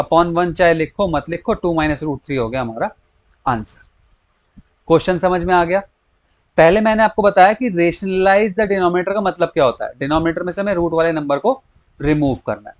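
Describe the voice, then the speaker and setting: High-voiced man teaching maths step by step. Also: dry recording. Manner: slow step-by-step explaining, asks rhetorical questions. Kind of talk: explaining a maths lesson. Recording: dull lo-fi dry recording.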